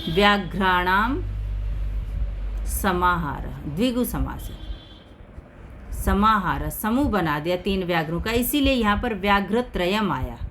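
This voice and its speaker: A woman's voice: medium pitch, lively intonation, unhurried, long pauses, fairly bright tone, slight background noise. A woman Sanskrit teacher explaining a text word by word, repeating each term and asking and answering her own questions.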